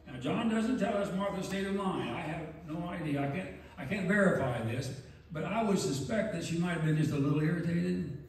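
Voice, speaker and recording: Pastor preaching in an echoey church. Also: male voice, fairly high pitch, a little mellow, far from the mic. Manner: earnest, measured preaching with emphatic pauses. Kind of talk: sermon. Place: large church sanctuary.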